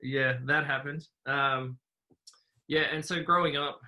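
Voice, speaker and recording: A young man from New Zealand, a podcast guest telling his life story in a relaxed, rambling way with many fillers. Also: fairly high pitch, unhurried. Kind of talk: casual conversational interview.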